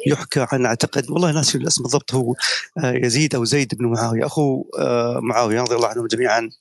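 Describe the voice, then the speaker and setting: A man's voice: medium pitch, creaky. A middle-aged man speaks as a guest media professional in a talk on an audio chat room. He lectures persuasively and tells anecdotes.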